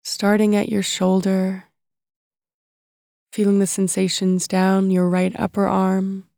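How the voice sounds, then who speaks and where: A woman with a soft voice narrating a guided body-scan meditation in a calm, soothing, unhurried way, leaving long pauses between phrases. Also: mid-range voice, creaky, no room sound, studio quality.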